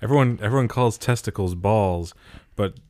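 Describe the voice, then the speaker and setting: Joking young man, low dry voice. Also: normal speed, darkish tone, no room sound. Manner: joking, playful banter. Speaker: podcast co-host. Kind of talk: casual chat.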